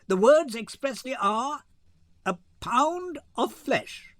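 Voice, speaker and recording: Guy doing young woman posing as a stern judge, really high voice, slow declamatory shakespeare, swoops around. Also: animated, fairly bright tone, no room sound, clean studio sound, exaggerated voice. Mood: stern, deliberate. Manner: measured, declamatory, emphatic. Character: Portia, young woman disguised as a learned male judge, stern. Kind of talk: dramatic Shakespeare reading.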